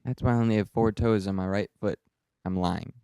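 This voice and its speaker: A man's voice: on the low side, fairly even intonation, fairly quick, mellow, clean tone, no echo. A young man in casual podcast chat, telling a story and teasing with frequent laughter. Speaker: co-host.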